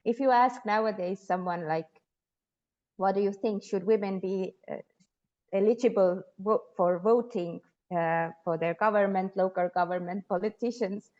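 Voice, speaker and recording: A woman's voice: mid-range voice, normal speed, darkish tone. Woman, dull lo-fi sound. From Estonia. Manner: thoughtful, with frequent hesitations. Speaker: guest sociologist. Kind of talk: interview conversation.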